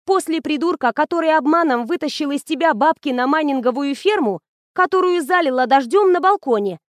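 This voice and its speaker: A woman reading the lines of a lively young woman student who teases her friend in an audiobook. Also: high-pitched, fairly quick, no echo, studio quality, pitched above the performer's own voice. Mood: teasing. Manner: bubbly, teasing, animated.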